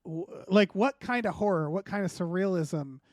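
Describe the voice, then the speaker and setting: A man with a notably high voice hosts a casual film podcast. He rambles conversationally, swearing freely and leaning on "like" as he goes. The sound is dry, with no room echo. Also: animated, moderate pace. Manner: rambling, frequent "like", profane. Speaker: podcast host.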